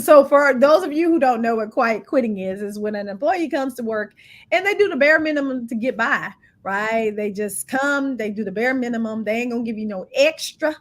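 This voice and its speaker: A woman co-hosting a casual discussion about meaningful work, animated and quick to laugh, with frequent affirming murmurs. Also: a little high. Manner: animated, laughs often, agrees with many "mm-hmm"s. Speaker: co-host of a discussion.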